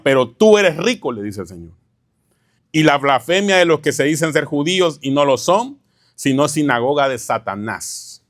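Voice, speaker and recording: Pastor guy preaching in church, bit high voice, keeps going "hermano?" at the crowd. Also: no echo, clean studio sound. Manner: peppers lines with "hermano" and rhetorical questions. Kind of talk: teaching sermon.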